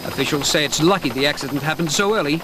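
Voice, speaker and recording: Guy doing a formal news report voiceover, highish voice, hissy old tape. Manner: measured, formal reporting delivery. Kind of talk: scripted news narration.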